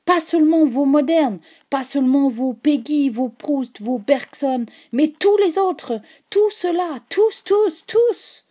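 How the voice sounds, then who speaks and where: A woman's voice: high voice, expressive, extremely slow, long pauses, whispered, pitched above the performer's own voice, heavily acted. A woman reading aloud, voicing a despairing German officer who breaks into anguished cries. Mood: impassioned. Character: anguished German officer, man, middle-aged.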